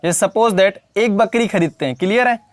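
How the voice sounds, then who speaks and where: A man's voice: sits high, fairly quick, dry recording. A man teaching English grammar in a classroom lesson, repeating points and quizzing the viewer with questions, calling them brother and child.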